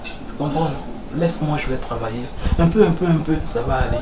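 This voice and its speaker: A man's voice: a little high, fairly quick, lightly acted. A man playing a pleading devoted husband. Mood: firm. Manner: pleading, repetitive, tender. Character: devoted young husband soothing his crying wife. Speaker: comedic actor playing a husband. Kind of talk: acted comedy sketch. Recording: echoey room, far from mic, noisy.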